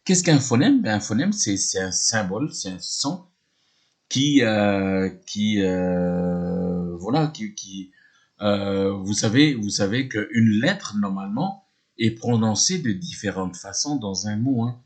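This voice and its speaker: A man teaching a lesson, explaining patiently, often hesitating and repeating himself, spelling words letter by letter. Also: lowish voice. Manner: often hesitates with drawn-out fillers. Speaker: English teacher.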